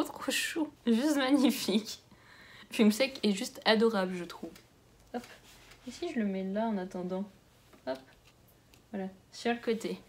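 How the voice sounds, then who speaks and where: A young woman unboxes a parcel of books on her vlog, gushing out loud over each gift and murmuring to herself between items. Her voice sits at an everyday middle pitch. Faint background hiss and small clicks run under the recording. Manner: gushing, exclamatory. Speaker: book vlogger. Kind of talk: casual unboxing chat.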